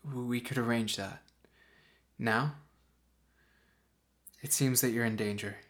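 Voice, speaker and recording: A man's voice: mid-range voice, fairly even intonation, a bit bright. A man voicing a retired older pilot who speaks politely and hesitantly, with many apologetic restarts. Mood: courteous. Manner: halting, apologetic, full of restarts.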